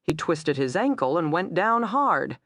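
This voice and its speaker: Low-voiced woman narrating a crime thriller. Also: sing-song, unhurried, fairly bright tone, no room sound, clean studio sound. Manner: tense, reads every character herself with raised pitch.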